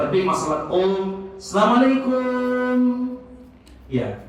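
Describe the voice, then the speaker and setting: A man teaching as a religious instructor, answering questions and reciting Arabic phrases with a melody. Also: a little high. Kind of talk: Islamic study talk, Q&A. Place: hospital hall. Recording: echoey hall, distant mic, faint noise.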